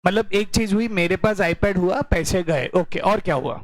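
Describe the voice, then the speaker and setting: A man's voice: sits high, normal speed, no echo, low-quality recording. A man teaching a commerce class, joking with students and switching into English to explain. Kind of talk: classroom lecture.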